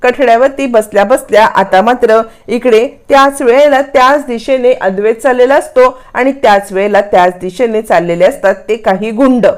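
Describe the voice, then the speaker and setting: A woman retelling a TV serial plot in an animated way, often repeating phrases. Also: fairly high pitch.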